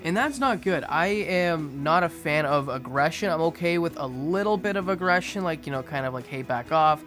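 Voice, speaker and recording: Young man, slightly higher pitch, monotone, restrained, casual hobby video narration, music underneath. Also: moderate pace. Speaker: fishkeeping video host. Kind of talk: casual aquarium update voice-over. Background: music behind the voice.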